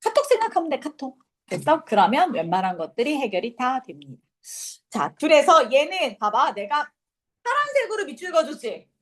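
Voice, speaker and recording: A woman's voice: sits high, huge pitch swings, moderate pace. A young woman teaching an English class, lecturing casually and quizzing her students.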